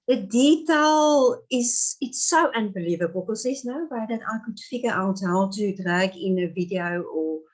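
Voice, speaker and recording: Speaking as a guest in a relaxed interview chat, this therapist in her fifties has an Afrikaans accent from her native language. She's earnest and unhurried, with lively intonation, few pauses, a mid-range voice, and plenty of restarts and fillers.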